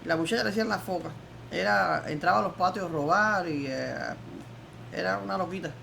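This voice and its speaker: A woman's voice: lowish voice, brisk, creaky, fairly bright tone, a little hiss or hum. An older woman with a Cuban accent giving an emphatic, defiant testimony in an interview. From Cuba. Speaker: interviewee, former political prisoner.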